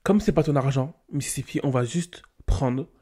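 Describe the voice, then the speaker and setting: A young man giving casual game commentary, animated and talking straight to his game characters with slang. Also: medium pitch, moderate pace, husky. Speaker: gaming YouTuber.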